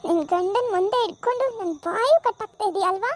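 A woman playing a wailing, shrill young wife. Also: brisk. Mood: bitter. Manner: sobbing through laughter, shrill outbursts. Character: wailing young wife, rich man's daughter, tricked. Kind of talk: comic village skit acting.

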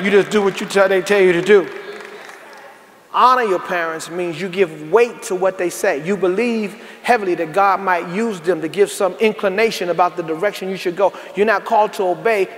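High-voiced preaching pastor in echoey hall. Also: male voice. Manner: preaching with rising emphatic bursts; folksy, calls out to the congregation. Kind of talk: sermon. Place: large church sanctuary. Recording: echoey church hall with faint noise.

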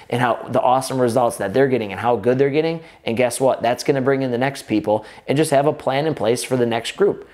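A man coaches would-be gym owners straight to the camera. He talks with lots of energy, stringing run-on sentences together and restarting himself as he goes. He sits at a table in an indoor office room, picked up by an off-camera mic. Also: mid-range voice. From United States. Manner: energetic, run-on sentences with frequent restarts, gestures with both hands. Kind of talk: direct-to-camera business advice.

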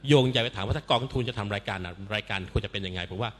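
Male panel guest, rapid and emphatic, critical tone, echoey hall recording. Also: fairly low pitch, a bit bright, slight background noise. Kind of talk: panel discussion talk. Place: seminar stage in a hall.

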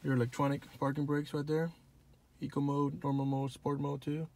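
A man filming on a phone in a car lot, showing viewers a new car in a relaxed, offhand way. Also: a little high, normal speed, creaky. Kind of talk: casual walkaround video. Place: outdoor car dealership lot and inside a car. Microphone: phone held in hand while filming.

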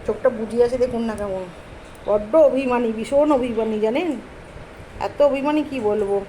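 A woman's voice: a little high, normal speed, mellow, slight background noise, low-quality recording. A woman, vlogging at home and fondly coaxing her sulking pet in baby talk. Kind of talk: casual vlog narration. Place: home, indoors.

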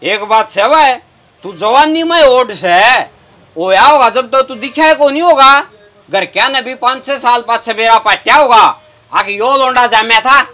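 A man's voice: extremely high pitch, moderate pace, bright, forceful tone. A young man with a Haryanvi accent playing a brash, sarcastic bus conductor who scolds and mocks in a comedy sketch. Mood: mocking, irritated. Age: young adult. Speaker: comic actor. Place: inside a parked bus.

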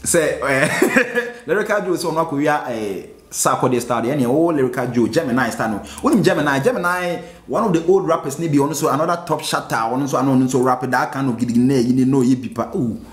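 Excitable Ghanaian man, roomy sound. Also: medium pitch, fairly quick, hardly any pauses. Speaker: music reaction host. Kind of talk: reaction commentary. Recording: roomy echo.

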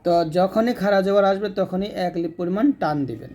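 A man teaching Quran reading, patiently drilling letter sounds slowly one by one. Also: high-pitched, darkish tone. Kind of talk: recitation lesson.

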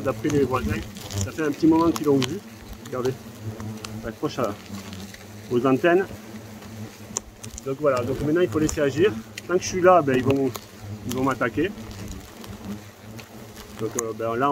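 Phone held out at arm's length, a man in his 30s who exterminates hornet nests talks straight to his viewers as he works across rooftops and tight village streets. His casual commentary repeats itself, delivered at a medium pitch, a little fast, with frequent pauses and background noise.

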